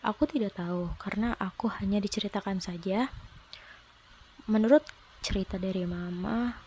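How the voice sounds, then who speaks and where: A woman in her twenties from South Sumatra, telling a personal story in a soft, reflective and slightly hesitant way. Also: mid-range voice, moderate pace, slight background noise. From South Sumatra, Indonesia. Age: 20s. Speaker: vlogger.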